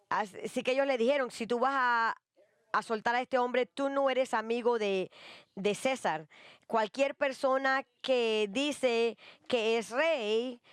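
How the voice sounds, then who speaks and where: High, smooth-voiced woman interpreting a sermon. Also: dry recording. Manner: hesitant, frequent fillers and restarts.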